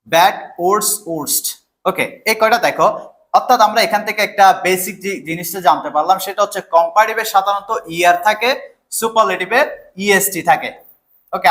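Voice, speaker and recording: A man's voice: high voice, fairly bright tone. A young man teaching an English grammar lesson, explaining patiently step by step and answering his own questions. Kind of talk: classroom lesson in Bengali.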